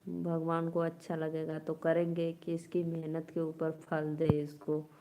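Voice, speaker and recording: A woman's voice: deep voice, completely flat delivery, measured pace, noisy background. A woman hosting a casual live stream, chatting with viewers and coaxing them to stay and comment.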